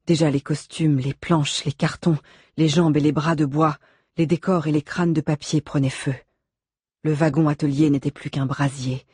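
Audiobook narrator, suspenseful measured delivery, husky texture, dry booth sound. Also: medium pitch, flat delivery, a little mellow, dry recording.

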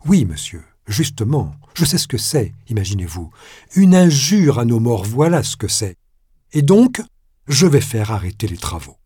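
A man's voice: medium pitch, measured pace, few pauses, dark tone, no room sound, clean studio sound, natural voice. A man voicing an indignant, pompous mayor who speaks in grand, solemn phrases. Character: pompous indignant middle-aged male mayor.

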